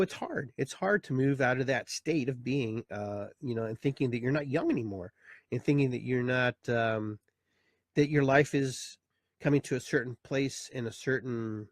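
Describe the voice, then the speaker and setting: A medium-pitched man in his fifties, a therapist hosting his own live talk show, muses casually and reflectively in a rambling monologue packed with fillers and restarts. The sound is studio quality with no echo.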